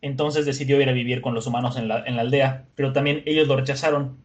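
A man casually retelling a comic chapter, lively, slangy, and laughing easily. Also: medium pitch, fast. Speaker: podcast co-host.

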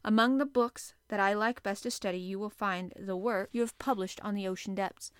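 A woman reading aloud, voicing a stern, proud male sea captain who speaks coldly and forcefully. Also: mid-range voice, smooth, no echo, studio quality, lightly acted. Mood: grand. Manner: cold, measured, forceful.

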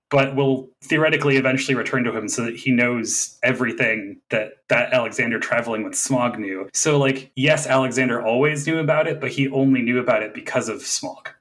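Bright-voiced man in game talk. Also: mid-range voice, fairly quick, hardly any pauses. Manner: thoughtful, explaining at length. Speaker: tabletop game player. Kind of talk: casual podcast chat.

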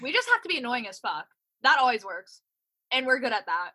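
A woman's voice: fairly high pitch, wildly swooping pitch, fairly quick, sharp tone, breathy edge. A young woman co-hosting a podcast, ranting in casual, profane chat. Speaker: podcast co-host.

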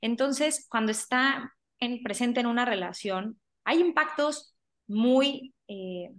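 A woman's voice: fairly high pitch, takes it slowly. Mexican woman hosting a casual podcast. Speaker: podcast host. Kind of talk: casual conversational podcast introduction.

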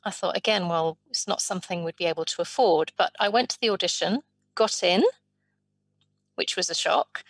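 A woman voicing a guest's life story in an interview, in measured, drawn-out phrases. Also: on the low side, breathy edge, no room sound.

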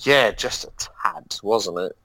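A man co-hosting a podcast, chatting casually in a rambling, halting way. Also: on the low side, expressive, bright, forceful tone, no echo. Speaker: podcast co-host. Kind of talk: casual review chat.

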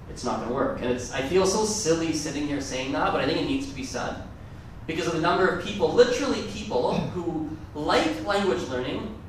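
A man whose first language is Gujarati gives a casual, rambling conference talk, chatty and often correcting himself mid-sentence. His voice is a little high, with slight hiss or hum, and the mic sits far off in an echoey large conference room.

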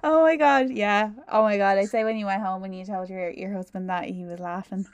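A woman's voice: mid-range voice, steady tone, a little fast, smooth, muffled recording. A woman hosting a casual interview, informal and encouraging, agreeing often. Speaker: podcast host, trainee teacher.

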